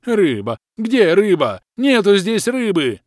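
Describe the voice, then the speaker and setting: A man voicing a small, panicky male swamp creature with a shrill, frantic squeal in an audiobook. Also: sing-song, slow, darkish tone, no echo, clean studio sound, full character voice. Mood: panicked squeal.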